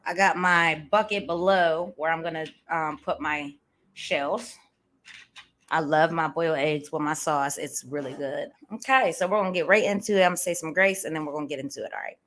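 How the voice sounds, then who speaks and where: A woman hosting a mukbang, chatting casually and relaxed between bites while she eats. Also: deep voice, moderate pace. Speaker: mukbang host.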